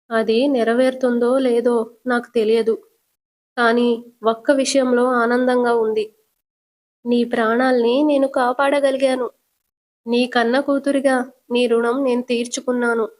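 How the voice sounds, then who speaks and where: A woman's voice: fairly high pitch, level tone, measured pace, long pauses, darkish tone, lightly acted. A woman voicing a frightened young woman, tearful and pleading with her mother. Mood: scared, tearful.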